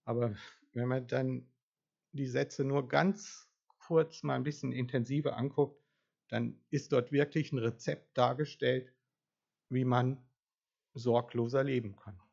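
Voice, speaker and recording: A man's voice: mid-range voice, steady tone, measured pace, vocal fry, a little mellow. A man preaching an informal sermon in a conversational way, putting questions to the congregation. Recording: dull lo-fi sound.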